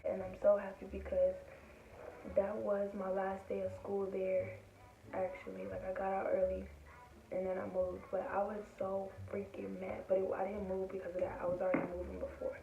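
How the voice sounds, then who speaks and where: A woman's voice: medium pitch, monotone, moderate pace, gravelly, slight background noise. A teenage girl telling a casual storytime about school, rambling with lots of "like" and acting out what people said. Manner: rambling, full of "like" fillers; acts out quoted people in her voice. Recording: tinny, roomy, distant from mic.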